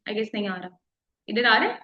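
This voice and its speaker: A woman's voice: medium pitch, sing-song, normal speed. A woman with a Pakistani Urdu accent teaching a chemistry class, explaining patiently and often checking whether students follow. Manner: explains patiently, mixing English terms, often checks "theek hai?". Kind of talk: classroom lecture. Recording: echoey, slightly dull classroom recording.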